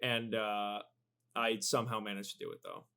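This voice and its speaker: A young man talking as a guest editor on a casual podcast, hesitant and stumbling over his words, quick to poke fun at himself. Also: lowish voice, steady tone, gravelly, bright, forceful tone, clear, resonant tone. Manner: hesitant, stumbling restarts, self-deprecating.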